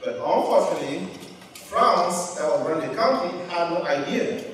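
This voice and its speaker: A man's voice: fairly high pitch, moderate pace. Cameroonian man speaking in an echoing hall. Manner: storytelling, animated gestures. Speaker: keynote speaker. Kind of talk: motivational speech to students. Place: large wood-panelled auditorium stage. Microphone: handheld mic. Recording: echoey hall, picked up from far.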